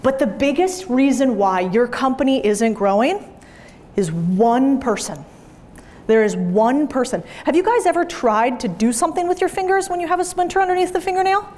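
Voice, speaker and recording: A woman in her thirties with a fairly high voice speaks on stage to a live audience. She is blunt and emphatic, swears freely and drives home each point in a motivational talk. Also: lively intonation, fast, few pauses, a little mellow. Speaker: business speaker. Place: event room with audience.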